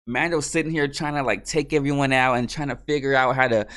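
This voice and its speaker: A young man talking casually through a show recap, his voice sitting at an ordinary middle pitch. He is excitable and rambling, drops in slang and trips over his own sentences. It sounds like a relaxed, chatty fan review. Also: fairly quick.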